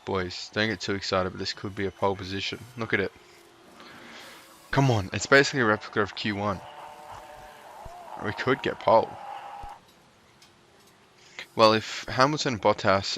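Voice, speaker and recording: A man's voice: lowish voice, sharp tone, a little hiss or hum. A man giving casual, joking commentary over a racing management game, cheering on his drivers. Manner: chatty, cheers on his drivers, jokey asides. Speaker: gaming YouTuber.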